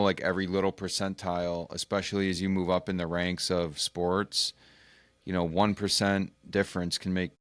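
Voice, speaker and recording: A man hosting a casual interview as a physical therapist, talking haltingly with many restarts. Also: deep voice, clean tone, dry recording, studio quality. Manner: halting, searching for words. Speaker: physical therapist and podcast host.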